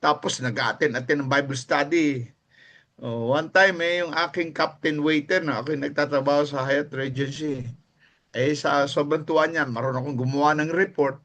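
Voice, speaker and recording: A man with a Filipino accent delivers a sermon in a lively, anecdotal manner. His voice sits high for a man, and he mixes English phrases into his preaching. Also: moderate pace. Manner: animated storytelling, mixing in English phrases, chuckling at his own anecdotes. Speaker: pastor.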